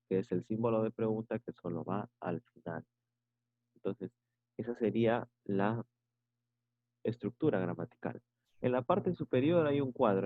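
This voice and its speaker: Teaching English grammar online, a man with a lowish voice explains things patiently and keeps checking in through brief tag questions. There's no echo, though the sound has a tinny, phone-like quality.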